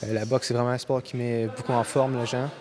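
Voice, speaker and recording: A man, an amateur boxer speaking calmly and steadily. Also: mid-range voice, quick pace, a crowd in the background.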